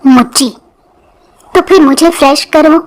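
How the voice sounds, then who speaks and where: A woman's voice: sits high, a little mellow, natural voice. A woman voicing a childlike grown man, raised and whiny. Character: childlike grown man, mentally unwell, clingy and stubborn.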